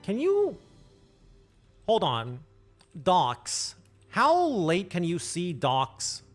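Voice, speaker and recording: A man giving casual commentary on a game stream, thinking aloud and muttering asides as he plays. His voice sits a little high and swings up and down a lot. Faint game music plays behind him. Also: wildly swooping pitch, drawn-out words.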